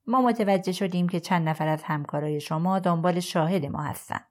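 A woman's voice: lowish voice, close to an everyday voice. Woman voicing a stern male prosecutor. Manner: formal, warning.

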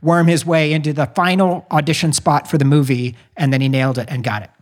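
A man's voice: fairly high pitch, fairly even intonation, fast. A man hosting a movie podcast, telling stories and reading out a film synopsis. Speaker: podcast host. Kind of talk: casual chat and read synopsis.

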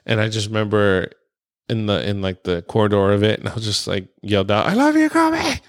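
A man's voice: lowish voice, little pitch movement, brisk, clean tone. A man hosting a podcast in a laid-back, casual chat, full of "dude" and restarts. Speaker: podcast host.

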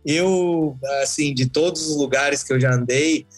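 A man's voice: a little high, unhurried, dry recording, faint music behind. Male guest, chatty and digressive, light voice, dry close recording. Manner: rambling, storytelling, folksy asides. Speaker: podcast guest, traveler. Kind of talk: casual podcast chat.

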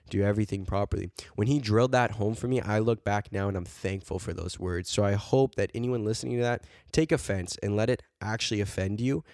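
A man's voice: lowish voice, dry recording, clean studio sound. A man co-hosting a podcast in casual chat, preaching with fired-up energy and dropping bro and man between points. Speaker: podcast co-host.

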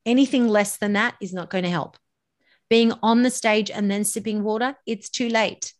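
In a podcast interview, a middle-aged woman who coaches voices offers public speaking tips with plenty of emphasis. Her pitch is medium and her pace moderate, and she draws out words to make her points land.

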